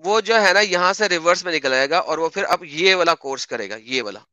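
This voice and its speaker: A high, piercingly bright male voice, recorded close and completely dry. He hosts an online debate and argues with a teasing, mocking edge, drawing out his lines for effect. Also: lively intonation, brisk, dry recording. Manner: mocking, theatrical when reading quotes. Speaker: debate host. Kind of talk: online debate with screen share.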